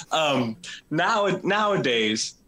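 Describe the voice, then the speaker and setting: In a casual interview chat, a drummer talks about his band in a laid-back way, drawling his words and laughing often. His voice is fairly high-pitched with a sharp tone.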